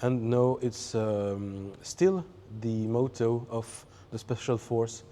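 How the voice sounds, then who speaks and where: Slow, halting man explaining a jeep. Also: mid-range voice, level tone, warm tone. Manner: halting, searching for words with many fillers. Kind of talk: explaining a vehicle exhibit.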